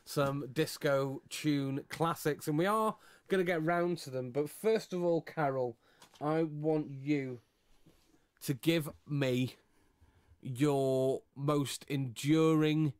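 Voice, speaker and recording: A man's voice: fairly high pitch, slow, clear, resonant tone, no echo. A man in his thirties, co-hosting a podcast with playful, teasing banter. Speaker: podcast co-host. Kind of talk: casual chat.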